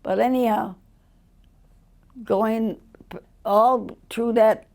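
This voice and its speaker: This is the very old voice of a woman past one hundred. It creaks heavily and moves slowly, wandering through personal stories in plain, colloquial speech as an interviewee would. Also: on the high side, steady tone, a little mellow. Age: over 100, very old. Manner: rambling storyteller, acting out quoted dialogue in plain colloquial words. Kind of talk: casual autobiographical storytelling.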